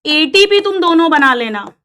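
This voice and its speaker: A woman's voice: high voice, lively intonation, moderate pace, pushed and bright. A woman teacher explaining biology to students, acting out playful quarrels between characters and addressing them affectionately. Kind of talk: storytelling lesson.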